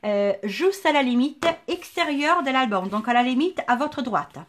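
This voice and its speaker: High-voiced woman with a southern French lilt. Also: animated, moderate pace, a little hiss or hum. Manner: chatty, thinks aloud, greets viewers by name. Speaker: scrapbooking tutorial host. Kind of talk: live craft tutorial.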